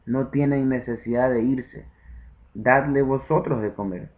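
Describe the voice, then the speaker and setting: A calm, commanding teacher, read by a man in a slow, reassuring voice. The audio is narrow and tinny, like a phone call. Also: mid-range voice, close to an everyday voice.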